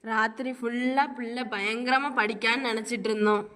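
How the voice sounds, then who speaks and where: A woman's voice: a little high, fairly even intonation, fairly quick, fairly bright tone, natural voice. A woman playing a weary, worried father who plaintively recounts his troubles step by step. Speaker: father at counseling. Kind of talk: amateur comedy stage acting.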